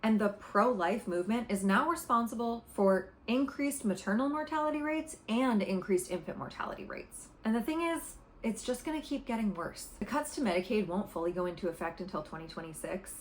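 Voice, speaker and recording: A woman's voice: medium pitch, slight background noise. Fired up woman ranting to camera on her vlog, hammering points home. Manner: passionate, emphatic, repeats points for stress. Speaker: political commentary vlogger. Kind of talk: opinionated direct-to-camera commentary.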